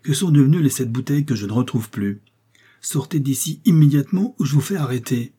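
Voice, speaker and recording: An irate country doctor barks orders in a low, husky voice, put on by a man reading an audiobook. He sounds indignant and loud. The tone is dark and mellow. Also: moderate pace. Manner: indignant shouting. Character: irate middle-aged male country doctor.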